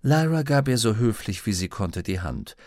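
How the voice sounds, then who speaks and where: A man reading a novel aloud as an audiobook narrator, calm and even. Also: fairly low pitch, moderate pace, no echo, studio quality. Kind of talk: scripted narration.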